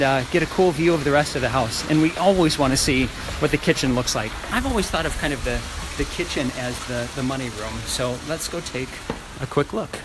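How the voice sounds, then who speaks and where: A man working as a real estate agent, chatting casually and with enthusiasm to live viewers as he walks through a house tour. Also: on the high side. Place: walking through a large house and its outdoor areas. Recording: noisy live phone video, ambient traffic noise.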